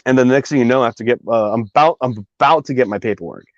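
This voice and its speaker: A man's voice: medium pitch, racing, no echo. A man casually telling a long personal story, rambling with many fillers and asides. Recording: dry, slightly dull recording.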